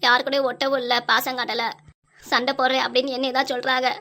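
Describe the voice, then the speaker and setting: A woman voicing a lonely, tearful middle-aged wife in a cartoon comedy, with a Tirunelveli Tamil accent and a plaintive, sharp-tongued manner. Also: sits high, fairly even intonation, normal speed. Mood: weeping.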